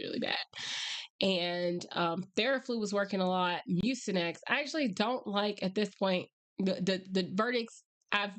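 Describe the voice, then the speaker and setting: A woman livestream host chatting casually and rambling wryly, her voice hoarse, strained and breaking from being sick. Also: mid-range voice. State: hoarse, voice nearly lost from illness. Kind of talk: casual livestream chat with viewers.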